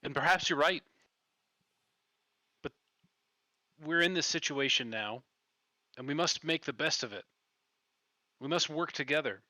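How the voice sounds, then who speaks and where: A man voicing an anxious woman tinkerer who shies from conflict, speaking in a soft, hesitant, apologetic way in his own voice. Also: on the high side, lively intonation, measured pace, long pauses, no room sound, exaggerated voice. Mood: apologetic, earnest.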